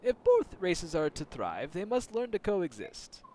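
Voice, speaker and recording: A man voicing a calm, cryptic older sea captain, speaking in a measured, formal way with a loosely improvised accent. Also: high-pitched, slight background noise, exaggerated voice. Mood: solemn. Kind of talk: reading game dialogue aloud.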